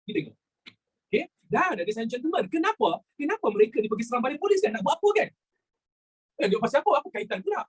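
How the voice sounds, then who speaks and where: A man's voice: high voice, husky. A man with a Malaysian Malay accent teaching a history lesson in a chatty way, asking rhetorical questions and repeating his phrases. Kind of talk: classroom lesson mixing in English words.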